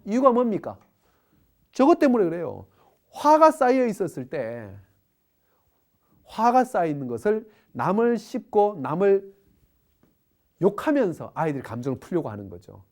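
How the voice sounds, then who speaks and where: A woman's voice: mid-range voice, big pitch swings, moderate pace, long pauses, darkish tone. A middle-aged woman giving a parenting lecture, asking the audience rhetorical questions. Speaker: parenting educator.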